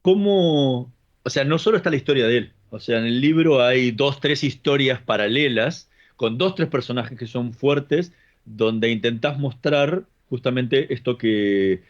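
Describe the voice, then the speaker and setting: Man, Argentine accent, interview host, very slow, hesitant questions, muffled lo-fi sound. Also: mid-range voice. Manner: hesitant, searching for words with fillers and repeats. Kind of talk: radio interview.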